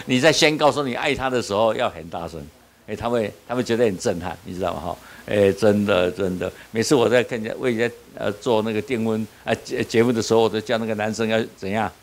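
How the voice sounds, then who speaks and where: Low-voiced pastor preaching with call-and-response. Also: male voice, fast, creaky. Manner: call-and-response, asks the audience questions and answers them; repeats "你知道吗" often. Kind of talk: sermon at a small-group leader training.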